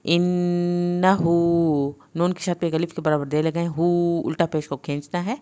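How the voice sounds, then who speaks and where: Low, smooth-voiced woman teaching recitation. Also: fairly even intonation, dark tone. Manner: patient, step-by-step instruction. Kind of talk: tajweed lesson, slow chanted recitation then spoken explanation.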